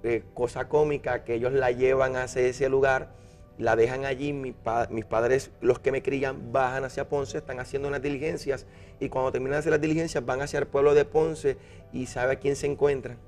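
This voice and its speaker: A man's voice: mid-range voice, little pitch movement, a little mellow, faint music behind. Earnest Puerto Rican man giving testimony. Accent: Puerto Rican Spanish. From Puerto Rico. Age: young adult. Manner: earnest, halting with frequent restarts. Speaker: interview guest, young minister. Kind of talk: personal testimony interview.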